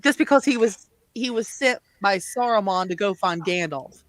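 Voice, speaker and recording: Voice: mid-range voice, expressive, normal speed, fairly bright tone, poor audio. Matter-of-fact speaker explaining lore. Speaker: panelist. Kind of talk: casual group chat.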